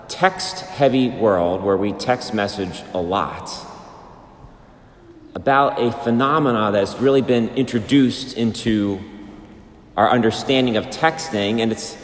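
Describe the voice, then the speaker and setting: A parish priest from Brooklyn, New York, reading the Gospel and preaching a Sunday homily in an unhurried, plainspoken way, heard in a cathedral echo. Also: male voice, mid-range voice. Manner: unhurried, plainspoken, with casual fillers. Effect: cathedral echo, long church reverb. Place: large church sanctuary. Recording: long reverb in a large church.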